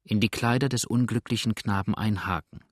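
A man's voice: lowish voice, steady tone, fairly quick, dry recording, clean studio sound, natural voice. Man voicing a firm, pleading lady. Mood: earnest. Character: earnest, determined lady, pleading firmly.

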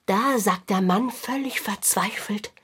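A woman with a medium-pitched, fairly bright but husky voice speaks without hurry. She's an actress voicing a grumpy, gloomy female clown in a children's radio play, sulking and feeling sorry for herself in a glum mood.

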